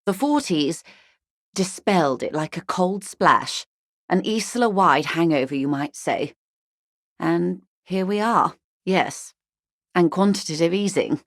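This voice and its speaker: A wealthy, middle-aged female negotiator speaks video game character lines in a wry, somber mood. Her low voice, recorded very dry and close with no echo, has lively intonation, and her measured, eloquent sentences carry polished formality and a worldly, dry irony.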